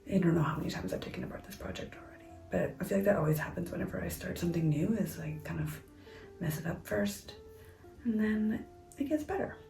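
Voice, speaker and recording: A woman's voice: lowish voice, animated, fast talker, vocal fry, mellow, roomy sound, faint music behind, low-quality recording. A woman vlogger chatting casually at home, half-whispering and rambling about her crafting. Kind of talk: casual chat. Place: home, indoors.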